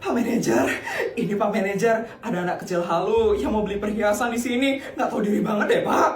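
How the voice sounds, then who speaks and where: A woman's voice: medium pitch, brisk, natural voice. A woman playing a sneering shop clerk. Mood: tattling. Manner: scornful, mocking. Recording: echoey room with music behind.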